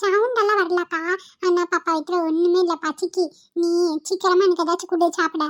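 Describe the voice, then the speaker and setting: A woman's voice: very high-pitched, steady tone, fairly quick, a bit bright, pitched above the performer's own voice. A woman voicing a small hungry boy in a cartoon who whines and pleads like a young child. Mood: whiny.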